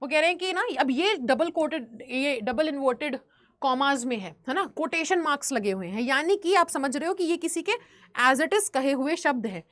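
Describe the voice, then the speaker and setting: A woman's voice: high-pitched, lively intonation, moderate pace, fairly bright tone. A woman teaching a literature chapter, explaining line by line and acting out scenes. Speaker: English teacher. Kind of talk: bilingual Hindi-English literature lecture.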